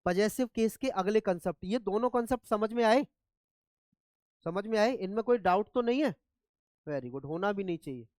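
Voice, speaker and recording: A man's voice: sits high, expressive, normal speed, darkish tone, no room sound. A man teaching English grammar in a classroom lecture, often checking whether students follow. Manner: asks students repeatedly if they follow.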